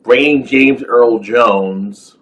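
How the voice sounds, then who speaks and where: A man's voice: medium pitch, very slow, a bit bright, highs cut off. A man giving a rambling, casual rant as a film reviewer, full of fillers and exasperated rhetorical questions.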